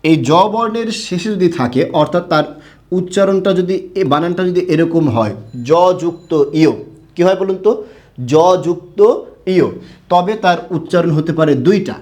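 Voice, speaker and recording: A man's voice: sits high, normal speed, a little mellow, soft background music. A young man from Bangladesh teaching a grammar lesson, asking the class questions and answering them himself.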